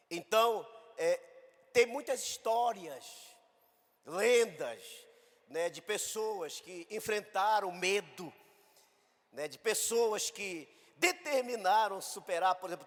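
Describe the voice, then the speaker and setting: Lively, high-voiced Brazilian pastor preaching. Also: male voice, big-room sound. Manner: animated, acts out voices in quotes. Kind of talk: sermon with storytelling. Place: church hall.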